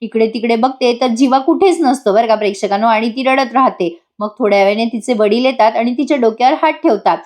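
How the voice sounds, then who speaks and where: A woman's voice: fairly high pitch, fast talker, few pauses, a little mellow. Chatty woman recapping a serial. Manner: chatty, addresses viewers directly. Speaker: TV serial review narrator. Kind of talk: chatty episode recap voice-over. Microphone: voice-over recording.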